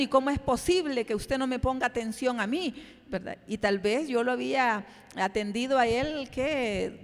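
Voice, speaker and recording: A middle-aged woman teaches a church Bible study, halting and repeating words and often tagging her sentences with a question. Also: mid-range voice. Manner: halting, repeats words, constant "¿verdad?" tag. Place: church hall. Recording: reverberant church hall.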